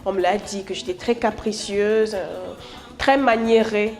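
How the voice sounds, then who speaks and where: A woman's voice: medium pitch, steady tone, unhurried, faint music behind. A Cameroonian woman in her thirties, a musician introducing herself in an interview in a playful, chatty way, slipping between French and English. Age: 30s.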